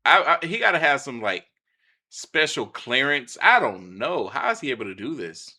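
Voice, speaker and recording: Slangy, animated man livestreaming reactions. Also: medium pitch, normal speed. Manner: slangy, incredulous, repeats phrases. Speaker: live streamer reacting to videos. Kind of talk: casual livestream reaction commentary. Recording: music playing behind the voice.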